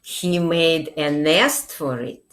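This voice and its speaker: A children's librarian hosts a read-aloud storytime for young kids in a small indoor room with a plain wall. Her low voice moves very slowly, deliberate and expressive, with frequent check-in questions.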